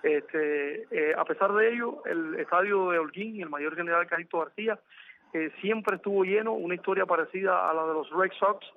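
A man speaks hesitantly in a casual chat, restarting his sentences as he goes. His voice is fairly high for a man. He comes through a tinny phone line with a faint hiss behind him. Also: moderate pace. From Cuba. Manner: hesitant, with many fillers and restarts.

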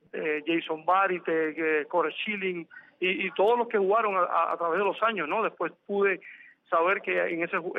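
A man's voice: high voice, slight background noise. Man on a tinny phone line. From Cuba. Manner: hesitant, with many fillers and restarts. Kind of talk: casual chat.

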